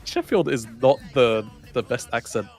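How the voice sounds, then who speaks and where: A man's voice: mid-range voice, expressive, normal speed, a little mellow, soft background music. A man, co-hosting a livestream and chatting casually with viewers. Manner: chatty, swearing, laughs often. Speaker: stream co-caster.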